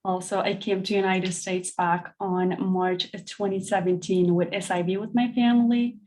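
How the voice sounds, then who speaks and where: A woman's voice: medium pitch, level tone, normal speed, a little mellow, slight background noise, rough recording. A young woman from Afghanistan sharing a heartfelt personal testimony on a video call. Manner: conversational and heartfelt. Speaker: speaker at a community briefing.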